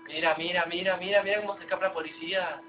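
A higher-voiced man with a Rioplatense accent jokes his way through gameplay. He tosses out playful exclamations and catchphrases. The recording is muffled, with loud music behind him. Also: steady tone, fast talker. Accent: Rioplatense Spanish. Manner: clowning, blurting catchphrases and exclamations. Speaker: video game player. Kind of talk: casual gameplay commentary with friend.

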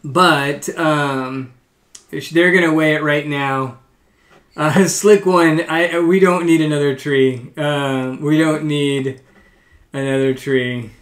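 A man's voice: on the high side, steady tone, slow, a bit bright. A man hosting a casual live stream, talking hesitantly with lots of ums and restarts as he runs a sale. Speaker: live stream host selling coins.

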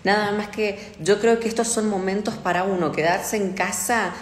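A woman's voice: mid-range voice, steady tone, moderate pace. A young adult woman hosting a casual phone livestream, reading out viewer comments and answering them candidly, with frequent swearing. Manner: chatty and candid, swears often. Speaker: livestream host. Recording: echoey room with long reverb.

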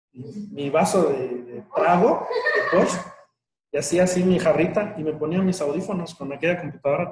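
A man's voice: high voice, darkish tone. A man with a Mexican accent leading a group workshop in a casual, chatty way, laughing now and then between remarks. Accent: Mexican Spanish. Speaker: workshop leader. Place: indoor room with a group. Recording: echoey room, distant mic.

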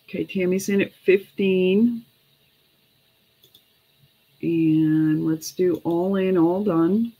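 Her voice is on the low side and dark in tone: a middle-aged woman acting as an informal auctioneer for vintage glass in a casual live online sale. She chats between bids and prices in a small room at home, taking things slowly with pauses.

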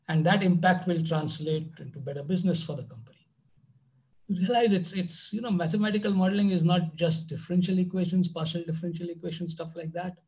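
A man's voice: high-pitched, darkish tone, low-quality recording. A man giving a conversational online math lecture, full of "you know" asides. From India.

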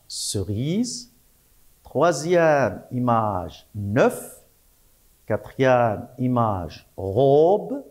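Man teaching little kids, super slow, sing-songy up and down, says every word twice. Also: medium pitch. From Morocco. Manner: spells out syllables slowly, repeats words, praises often. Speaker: primary school teacher. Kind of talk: slow, patient French lesson for young children.

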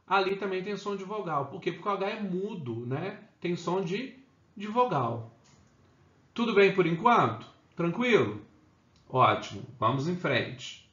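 Brazilian male teacher, slightly high voice, chatty, roomy lo-fi recording. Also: expressive, measured pace, a bit bright. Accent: Brazilian Portuguese. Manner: chatty, keeps checking in with the class. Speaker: English teacher. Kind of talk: casual online lesson. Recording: roomy, dull lo-fi sound.

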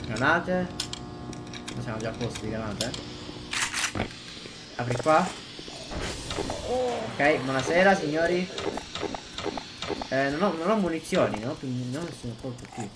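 A man, giving excitable gameplay commentary and often repeating his exclamations. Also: medium pitch, measured pace, long pauses. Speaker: gaming youtuber. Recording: loud background noise.

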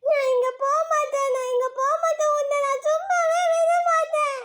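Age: child figure. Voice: very high, whiny. Style: a stubborn little schoolgirl in a cartoon puppet show. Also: steady tone. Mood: defiant. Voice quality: whiny, sing-song, wailing. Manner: defiant threats, drawn-out shouted words.

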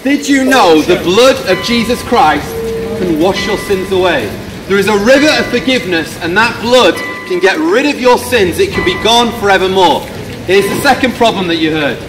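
A middle-aged man from the UK preaching an open-air street sermon, loudly questioning passers-by and gesturing widely. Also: sits high, expressive, normal speed, over music. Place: rainy pedestrian shopping street outdoors. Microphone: camera a few metres away, no visible mic. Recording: distant outdoor street recording with noise.

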